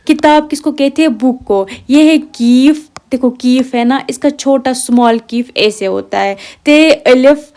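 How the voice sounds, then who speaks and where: A young woman with a slightly high voice gives an exam-preparation lesson. She spells words out letter by letter, repeats them patiently and slips English words into her explanations. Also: a little mellow. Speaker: Urdu language teacher.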